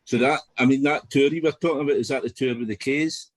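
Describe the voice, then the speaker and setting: A man hosting a podcast, asking questions in a relaxed, casual way. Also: medium pitch, fast talker, dry recording. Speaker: podcast host.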